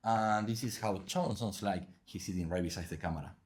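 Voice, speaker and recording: A man's voice: lowish voice, brisk. A man casually talking through a test of a small wireless microphone at home. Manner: chatty, loose phrasing. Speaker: gear reviewer. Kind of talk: casual product review. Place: home room with open window. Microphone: wireless lav mic under test.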